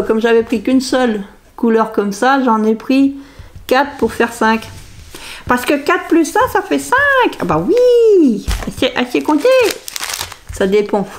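A middle-aged woman, chatting casually and rambling as she shows off a craft shopping haul, laughing at herself as she goes. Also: fairly high pitch. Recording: faint background noise with crinkling bags.

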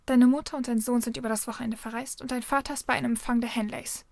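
A woman voicing a determined young woman who speaks quickly and cuttingly. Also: fairly high pitch, fairly even intonation, creaky, darkish tone, no echo, studio quality. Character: determined young woman, sharp yet nervous.

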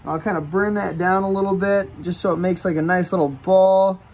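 A kayak fishing channel host in his thirties gives a casual, step-by-step how-to demonstration on an outdoor porch, talking as he works with his hands. His high, slightly mellow voice moves briskly with fairly even intonation, caught by a camera mic a few feet away.

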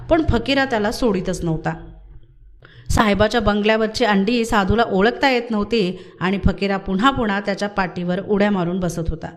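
A woman narrating a novel in an even, storytelling manner. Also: medium pitch. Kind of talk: audiobook novel reading.

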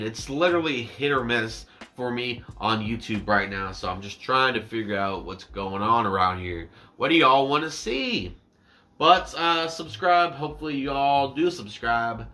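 A reaction YouTuber in his 20s chats casually to camera from a small indoor room with a dark backdrop, seated. His medium-pitched voice is bright and forward, and he rambles, stretches out words, and pokes fun at himself.

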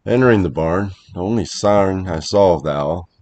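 Very deep-voiced man narrating horror. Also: darkish tone, dry recording. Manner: measured, dramatic storytelling. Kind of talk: scripted first-person horror narration.

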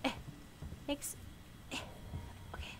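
A woman whispers slowly while livestreaming a video game, giving playful, silly commentary packed with babble and exclamations. Game music and sound effects play in the background.

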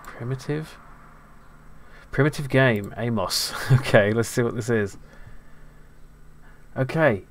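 On his retro computing channel, a middle-aged host mutters his way through old files in a mid-range voice, with a bit of hiss or hum in the recording. He's self-deprecating, casual, and quick to laugh.

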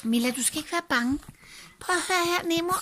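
A woman's voice: sits high, a little hiss or hum. A woman from Denmark, a mother and grandmother, chatting at home and cooing over the dogs. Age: older. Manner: fussing lively chatter, coos at dogs. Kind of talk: casual family chat. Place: home living room.

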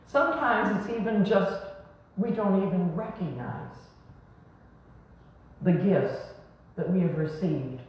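A woman preaching a sermon in a small church, her slow and deliberate words rising and falling for emphasis. The sound comes from a camera well across the room, so heavy echo fills the space and the audio is dull and muffled. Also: on the low side, distant mic. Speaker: pastor. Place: small church sanctuary, indoors. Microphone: far camera.

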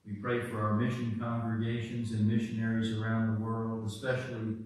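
A man leading church prayers in a solemn, deliberate way, pausing between phrases, heard with a cathedral echo. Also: on the low side, flat delivery, a little mellow, a little hiss or hum. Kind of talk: slow, measured liturgical prayer. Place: large church. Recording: echoey church, mic far off.

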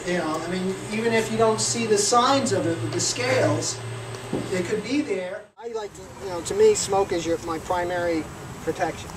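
A man's voice: high-pitched, sing-song, normal speed. A man in his forties teaching a beekeeping class, explaining practical points with plenty of fillers. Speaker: beekeeping instructor. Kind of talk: hands-on teaching talk. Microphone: far camera. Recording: echoey and noisy from far off.

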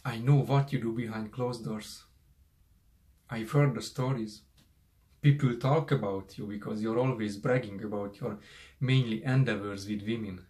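A young man performing an audition monologue as a menacing, jealous man confronting a rival in a deliberate, confrontational way. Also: on the low side, fairly even intonation, darkish tone, lightly acted. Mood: cold contempt. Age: young adult. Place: small furnished room indoors. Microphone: camera a short distance away.

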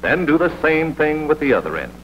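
A fairly high-pitched American man speaks briskly in a sing-song manner. He's narrating a vintage military training film, reading with scripted authority as an instructor would. The recording is a dull old film soundtrack carrying hum and hiss.

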